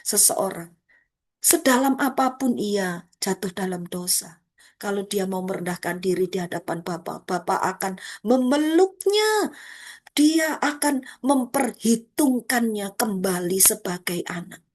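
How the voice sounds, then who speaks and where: A woman evangelist preaching a sermon over a video call, telling a story with animated voices for its characters. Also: mid-range voice, measured pace.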